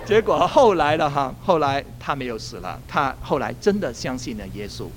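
Lively, animated male pastor preaching. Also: mid-range voice, moderate pace, a little hiss or hum. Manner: animated storytelling, laughs at his own jokes. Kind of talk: sermon with a retold story.

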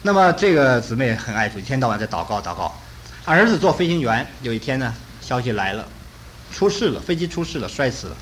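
Animated fast-talking male preacher. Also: mid-range voice, slight background noise, low-quality recording. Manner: animated storytelling with acted-out dialogue. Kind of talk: sermon storytelling.

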